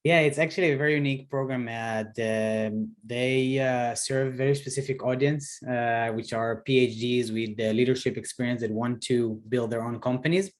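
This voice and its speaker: A man in his thirties with an Israeli accent, a startup founder answering interview questions, pausing often with fillers and restarts. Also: medium pitch, fairly even intonation. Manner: hesitant, many fillers and restarts. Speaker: startup CEO guest. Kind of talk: video call interview.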